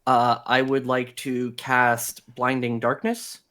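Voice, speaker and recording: A man playing a tabletop game, talking casually and haltingly as he thinks aloud. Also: medium pitch, completely flat delivery, a bit bright.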